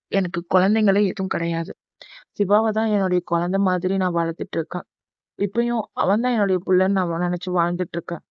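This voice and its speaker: A woman's voice: lowish voice, smooth, no echo, muffled recording, natural voice. A woman voicing a scheming middle-aged aunt who pleads and pushes emotionally. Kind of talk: cartoon voice acting.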